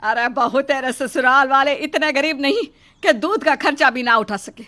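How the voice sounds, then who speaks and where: A woman's voice: high-pitched, normal speed, sharp tone. A woman voicing a harsh, scornful middle-aged mother-in-law in a cartoon story, scolding and taunting.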